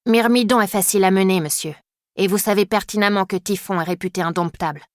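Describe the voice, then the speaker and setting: A woman's voice: mid-range voice, quick pace, dry recording, studio quality, lightly acted. A woman voicing a bold young noble girl in an audiobook, speaking in an insistent, forthright way.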